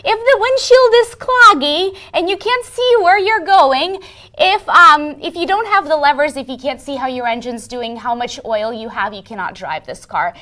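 In a conversational interview, a middle-aged Ukrainian woman who manages software engineers earnestly describes her work using vivid analogies. Her voice is high-pitched and sharp, with lively intonation and a moderate pace.

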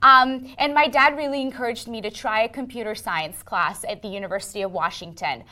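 A woman's voice: on the high side, a little fast, sharp tone. Earnest Ukrainian-born woman explaining her work. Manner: earnest, explains with vivid analogies. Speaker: interviewee, software engineering manager. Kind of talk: conversational interview.

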